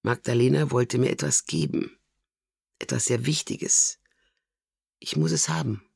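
A man voicing a fragile, anxious middle-aged woman who speaks softly and hesitantly. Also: medium pitch, unhurried, creaky, breathy edge, no echo, studio quality, heavily acted. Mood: subdued. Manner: soft, subdued, hesitant.

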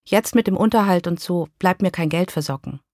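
Woman doing a deadpan ex-husband, lowish voice, dry close sound, storybook. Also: a little fast, dry recording. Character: dry, deadpan ex-husband, middle-aged man.

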